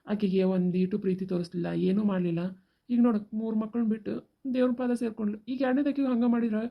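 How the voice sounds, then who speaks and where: A woman's voice: mid-range voice, fairly even intonation, highs cut off, lightly acted. A woman voicing a worried, reasonable village father with a North Karnataka accent in a cartoon. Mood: placating. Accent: North Karnataka Kannada. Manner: placating, hurried.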